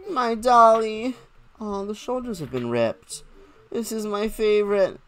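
A woman voicing a small, tearful little girl in a game, with a high, childish, squeaky voice. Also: a little slow, a bit bright, lightly acted.

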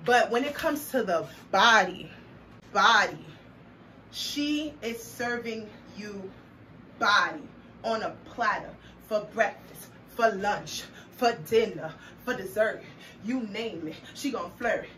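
In a try-on haul vlog, a young woman plays up each outfit with sass and fun, breaking into bits of song. Her medium-pitched voice is slow, animated, bright and pushed, captured by a distant mic with noticeable background noise.

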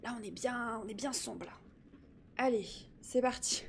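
A woman streamer talking to her live chat in a slightly high voice, chatty and excitable. She shifts quickly between muttering and bursts of loud energy. A faint noise hums behind her home setup. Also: creaky.

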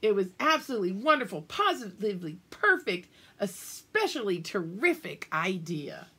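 Reading to small children indoors at home, an older woman gives a picture book plenty of exaggerated emphasis and friendly side remarks. Her mid-range voice swings widely in pitch at a normal speed, with a sharp, slightly rough edge.

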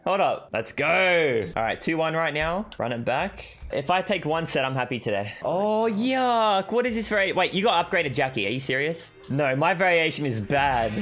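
A man calling out his own fighting-game match live, swinging his voice wildly between shouts and groans. His voice sits somewhat high for a man. Game music plays clearly behind him. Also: normal speed, hardly any pauses. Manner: excitable, yelling reactions and groans. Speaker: gaming video host. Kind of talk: live gameplay commentary.

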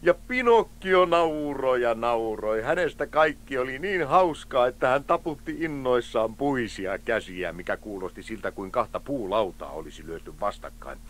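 A man narrating a storybook cassette expressively, dropping to hushed tones for effect. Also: medium pitch, animated, hardly any pauses.

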